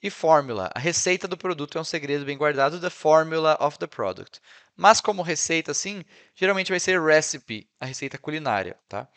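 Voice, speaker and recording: A man's voice: fairly high pitch, expressive, fairly quick, a bit bright, smooth. Chatty Brazilian man teaching English. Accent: Brazilian Portuguese. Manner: chatty, peppered with "né?" and "ó". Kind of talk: casual screen-share tutorial.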